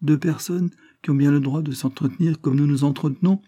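A man's voice: mid-range voice, normal speed, slightly rough. A man reading aloud and voicing a phlegmatic Irish man who answers his friend coolly and lectures him. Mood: coolly firm. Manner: calm, dry and lecturing.

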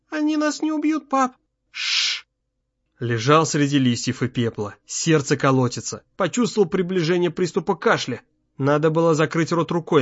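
Male narrator, audiobook, measured tense reading, slightly high voice, dry sound. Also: no room sound, highs cut off. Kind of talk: scripted narration.

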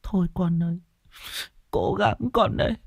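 A frantic old mother cries out in a high, quavering voice, played by a male narrator. She stammers and wails in a told horror story, and the reading is dry and close. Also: sing-song, measured pace, gravelly, dry recording, heavily acted. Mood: pleading. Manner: stammering, wailing. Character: frantic elderly mother, grieving.

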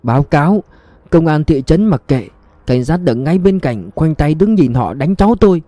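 A man's voice: a little high, expressive, a little fast, mellow, no echo, pitched above the performer's own voice, close to an everyday voice. A man voicing a grief-stricken elderly woman who sobs and begs in a raised, strained voice. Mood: weeping, pleading. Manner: sobbing, begging. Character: elderly grieving woman, tearful, pleading.

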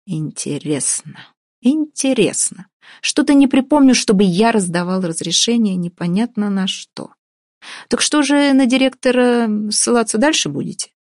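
A woman's voice: fairly high pitch, animated, normal speed, a little mellow, no room sound, studio quality, pitched above the performer's own voice. A woman reading an audiobook, voicing a stern, officious man who runs a shopping mall. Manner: officious, prosecutorial, curt. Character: stern, pedantic male mall director.

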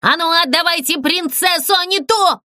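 A woman voicing a hot-headed talking mailbox from a storybook, loud and indignant. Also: very high-pitched, moderate pace, no echo, clean studio sound, voice pushed up. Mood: threatening. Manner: shouting, indignant.

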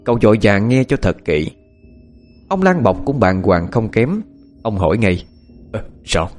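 Man, audiobook narrator, dramatic storytelling, low and expressive. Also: moderate pace, faint music behind.

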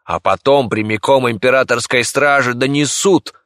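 A man playing a coarse, threatening village ringleader with a hoarse, cawing voice. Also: medium pitch, normal speed, a bit bright, dry recording, clean studio sound, pitched above the performer's own voice, natural voice. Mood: ranting. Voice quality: hoarse, crow-like. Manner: threatening and bullying.

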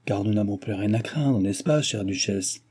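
A man's voice: lowish voice, normal speed, darkish tone, husky. A man reading a sly, mocking old court duke. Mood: wry. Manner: teasing, ironic.

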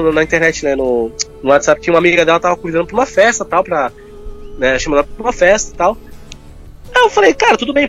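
Man, guest, rapid informal talk, light music underneath. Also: high-pitched, fairly bright tone. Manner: fast, informal, full of fillers like "cara". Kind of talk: candid personal conversation.

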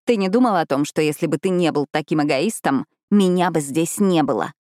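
A woman's voice: deep voice, lively intonation, brisk, a little mellow, no room sound, clean studio sound. A woman voicing an angry, sarcastic young female captive in an audiobook, speaking sharply and raising her voice. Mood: furious.

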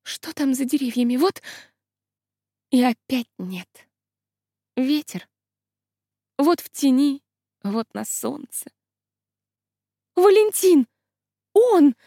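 A woman's voice: high voice, slow, creaky, pauses often, no room sound, studio quality, exaggerated voice. Flavinda, a woman doing a giddy young maid. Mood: excited, gossipy. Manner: breathless excited chatter, gasping exclamations. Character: young maid in a country pageant, romantic, excitable. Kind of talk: acted audiobook reading.

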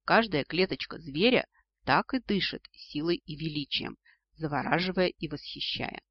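Expressive male audiobook narrator. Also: on the high side, moderate pace, husky, dry recording. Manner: expressive, ironic storytelling. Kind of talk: scripted narration. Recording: dull lo-fi dry recording.

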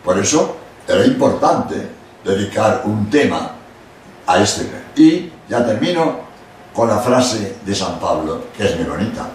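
The speaker is an older priest from Spain lecturing on religion, his fairly low voice measured but animated as he acts out quotes and drops in emphatic asides. Faint noise and echo fill the hall, and the mic is far away.

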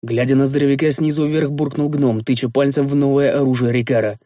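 A man narrating a first-person audiobook in an even, measured way. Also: mid-range voice, no room sound, studio quality.

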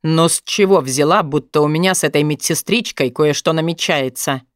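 A woman voicing a gruff, possessive young man who talks in a low, husky murmur in an audiobook. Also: normal speed, dry recording, studio quality, close to an everyday voice. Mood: brooding. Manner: pressing, intense, murmured. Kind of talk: audiobook narration.

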